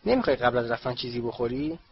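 A man voicing an excitable middle-aged wizard mother, raising his voice high and urgent. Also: natural voice. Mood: kindly. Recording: slightly dull, faint hiss.

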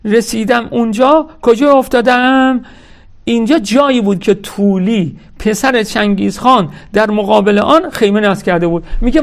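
A man's voice: high voice, vocal fry. A man giving a religious lecture. He reads lines from a historical text, then explains them in everyday speech and tells his listeners what to note. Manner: addresses listeners directly, stressing key words.

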